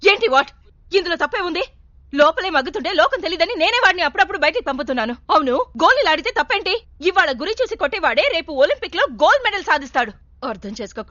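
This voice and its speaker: A woman's voice: very high-pitched, very animated, rapid-fire, sharp tone, dry recording, muffled recording, heavily acted. An actress playing a feisty mother who scolds her husband in defence of her son, in a dubbed film drama. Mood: indignant. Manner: spirited, scolding.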